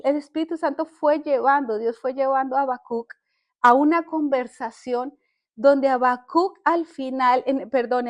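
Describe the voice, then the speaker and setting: An older woman and podcast host sharing a personal faith testimony, speaking earnestly and haltingly, often restarting her words. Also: high-pitched, a little mellow, muffled recording.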